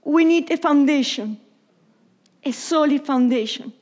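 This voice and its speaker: A high, darkish voice belongs to this woman pastor from Argentina, who grew up speaking Italian and carries an Argentine accent. She preaches at a church service in English that is halting and repetitive and sometimes fades to a whisper.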